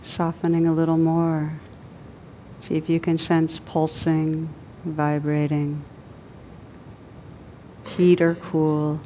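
Leading a guided meditation, this teacher speaks softly and soothingly in a fairly low, monotone voice, letting long, unhurried pauses fall between phrases. A faint rumbling noise sits behind her on a somewhat dull-sounding recording.

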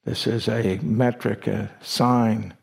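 In a meditation retreat hall, a male teacher leads a guided meditation, speaking deliberately in short phrases separated by long pauses. His voice is fairly low in pitch, creaky, and a little mellow, with fairly even intonation.

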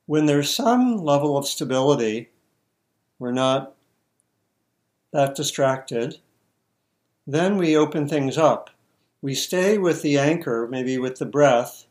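A man with a mid-range, darkish voice leads a meditation. He gives guided instructions in short, measured phrases separated by long pauses.

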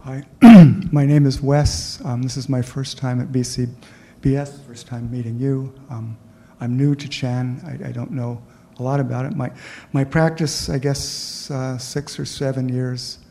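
A man's voice: medium pitch, little pitch movement, unhurried, gravelly, few pauses, warm tone. A man, a first-time retreat participant, introducing himself hesitantly with many fillers. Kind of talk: self-introduction in a group.

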